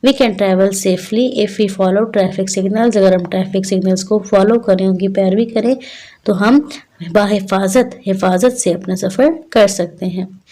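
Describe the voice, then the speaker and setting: Woman, teacher, slow pace, mellow dark tone, explaining to children. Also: medium pitch. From Pakistan. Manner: reads English lines slowly, then explains; addresses children as "beta" and "bachche". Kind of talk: classroom lesson explanation.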